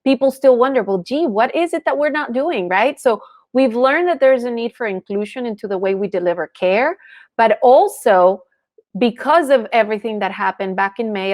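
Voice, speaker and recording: A woman's voice: mid-range voice, a little mellow, no echo. Articulate businesswoman guest from Colombia, dry sound. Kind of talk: interview conversation.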